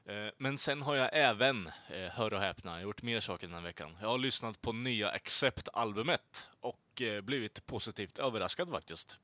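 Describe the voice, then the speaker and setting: A man's voice: on the low side, animated, few pauses, pushed and bright, no echo. A man chatting casually as a podcast co-host, rambling with many filler sounds and casual swearing. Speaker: podcast co-host reviewing films and music. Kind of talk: casual chat.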